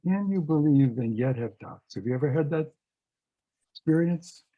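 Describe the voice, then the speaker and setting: A man's voice: a little high, lively intonation, normal speed, phone-quality sound. A rabbi in conversational teaching mode, reflective and repeating his questions, speaking over a video call.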